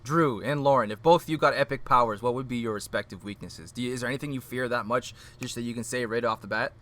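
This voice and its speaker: A man's voice: medium pitch, quick pace, fairly bright tone. A man co-hosting a book podcast, talking animatedly, asking questions and restarting his sentences. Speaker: podcast co-host. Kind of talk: casual book discussion. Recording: background noise.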